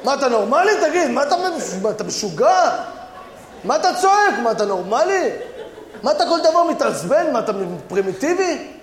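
A man performing a comedy sketch, hot-tempered, hurling insults and shouting. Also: extremely high pitch, very animated, roomy sound, in a large hall.

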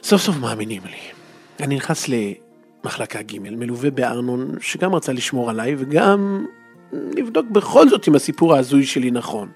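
A man's voice: mid-range voice, sing-song, faint music behind. A man telling a comic first-person story in a dramatic way that builds tension.

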